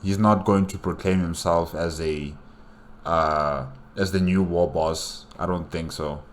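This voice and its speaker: Speaking a little slowly in a low, fairly even voice, this reaction host keeps things conversational, repeats himself, and addresses the characters in the story. There is slight background noise.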